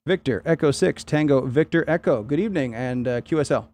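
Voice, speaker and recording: A man's voice: on the high side, a little fast, very noisy. A man casually running an amateur radio net, taking check-ins with phonetic call signs.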